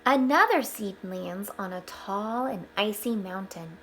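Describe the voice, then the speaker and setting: A woman reading a picture book aloud to children, expressively, pausing for explanatory asides. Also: mid-range voice. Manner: expressive, with hushed asides pointing things out.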